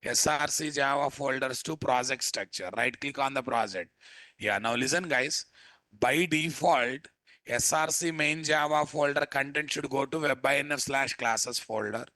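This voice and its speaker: A man with a Telugu Indian accent teaching a live step-by-step software tutorial, informally addressing learners and often asking rhetorical questions. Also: medium pitch, moderate pace, no room sound. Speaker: software instructor.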